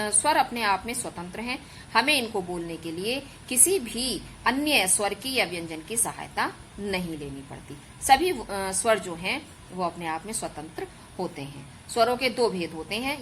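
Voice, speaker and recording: A woman teacher talks her pupils through a grammar lesson at an even, patient pace. She breaks each point into small steps, calls the listeners children and draws out single sounds as examples. A faint hiss sits under her voice. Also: medium pitch, rough recording. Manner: patient, explains step by step, stretches out sounds as examples. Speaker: school teacher. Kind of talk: online Hindi grammar lesson.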